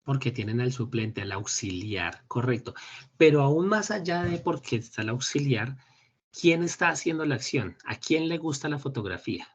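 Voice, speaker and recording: A husky-voiced man leads an online English class, switching between Spanish explanations and slow, careful English examples. His voice sits at an ordinary pitch. The sound is dull and lo-fi, like a recorded video meeting. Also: animated. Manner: explains in Spanish, models English phrases slowly. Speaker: English instructor. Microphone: computer mic on a video call.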